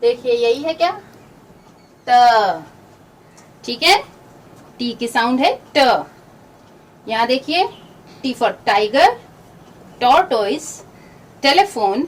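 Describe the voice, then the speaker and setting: A woman teacher giving a phonics lesson to children, explaining each letter sound slowly and patiently. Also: fairly high pitch, expressive. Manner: slow, drawn-out, patient explaining to kids. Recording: distant mic, faint background noise.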